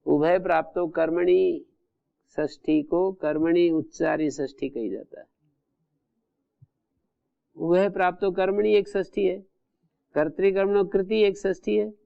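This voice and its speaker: Man, grammar teacher, methodical lecture, repeats terms, resonant voice, slight fry. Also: sits high, fairly even intonation, unhurried, pauses often, highs cut off. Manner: methodical, repeats and glosses each term. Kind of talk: classroom lecture explaining grammar rules.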